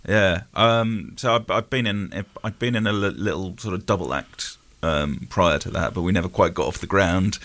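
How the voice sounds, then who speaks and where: British male comedian guest, deep-pitched, casual, halting and rambling interview delivery. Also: fairly bright tone. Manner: hesitant, rambling.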